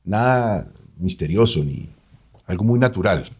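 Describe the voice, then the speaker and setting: A man's voice: sits low, animated, a little slow, darkish tone, husky. A man hosting a radio interview in a studio, asking questions in a playful, teasing, conversational way.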